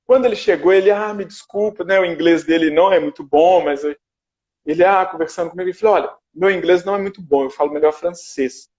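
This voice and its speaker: High-voiced man, lively storyteller. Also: fast talker, dull audio. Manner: animated storyteller, acts out dialogue. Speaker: guest. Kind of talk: casual storytelling. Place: his shared house.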